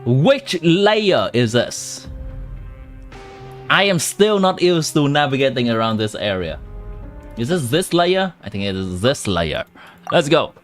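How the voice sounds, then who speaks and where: A man's voice: medium pitch, big pitch swings, slow pace, long pauses. Man's voice through an AI voice changer. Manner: chatty, playful, talks to chat. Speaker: game streamer. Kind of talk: casual live-stream chat over gameplay. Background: game music.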